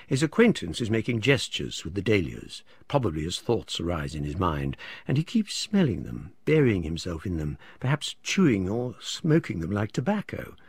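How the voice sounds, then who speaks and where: A man narrating a literary story in an expressive, varied reading. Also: fairly low pitch, slightly rough, no echo.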